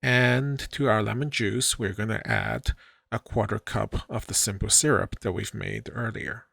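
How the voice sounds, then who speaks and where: A middle-aged man hosting his own channel, calmly explaining how he makes a drink in a voice-over, with a light self-mocking touch. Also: fairly low pitch, a little slow, creaky, breathy edge, no echo, clean studio sound. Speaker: channel host. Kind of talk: voice-over narration of a drink-making video.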